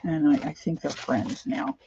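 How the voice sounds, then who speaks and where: Chatty and rambling, a middle-aged woman from Pennsylvania in the United States runs a craft livestream and speaks to viewers by name. Her low voice is warm, gravelly and steady, delivered at a measured pace, with a slight lisp caused by missing teeth. A faint hiss or hum sits under the dull, lo-fi recording.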